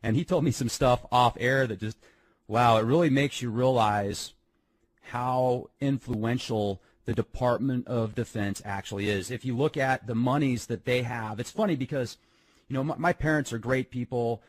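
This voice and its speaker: A man's voice: mid-range voice, moderate pace, no echo, poor audio. Earnest man hosting, dry close sound. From United States. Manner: earnest, emotional storytelling. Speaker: interviewer host. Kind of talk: casual interview chat.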